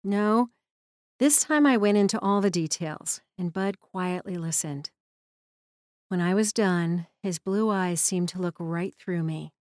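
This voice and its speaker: A woman's voice: on the low side, measured pace, darkish tone, no echo, clean studio sound. A woman reading her own memoir aloud in an earnest, reflective manner. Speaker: memoir narrator. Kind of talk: audiobook memoir narration.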